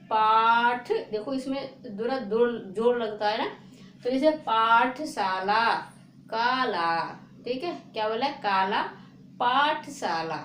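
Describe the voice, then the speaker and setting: A woman teaching a spelling lesson, repeating words slowly and asking her viewers rhetorical questions. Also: a little high. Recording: echoey room with faint noise.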